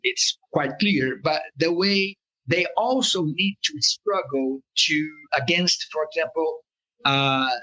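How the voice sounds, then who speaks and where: A man with a Brazilian Portuguese accent speaks as an interview guest, talking haltingly, with many fillers and restarts. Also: a little high, sharp tone, low-quality recording. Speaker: political cartoonist, guest. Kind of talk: interview conversation.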